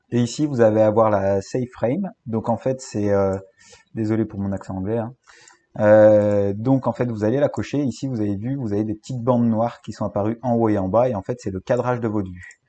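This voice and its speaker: A man with a French accent giving a screen-recorded software tutorial, talking hesitantly with many fillers and restarts. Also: on the low side.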